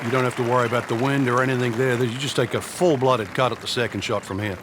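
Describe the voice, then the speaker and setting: A man's voice: medium pitch, steady tone, fast, close to an everyday voice. A man playing a golf commentator, giving conversational expert analysis of the shots. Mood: assured, explanatory. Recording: very loud crowd and outdoor noise. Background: loud outdoor crowd ambience.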